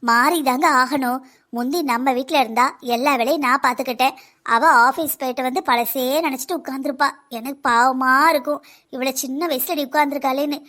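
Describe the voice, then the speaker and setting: A woman voicing a calm, patient wife in a cartoon. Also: sits high. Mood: reassuring. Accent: southern Tamil. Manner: slow, calm, persuasive. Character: patient wife calmly reassuring her husband. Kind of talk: cartoon dialogue.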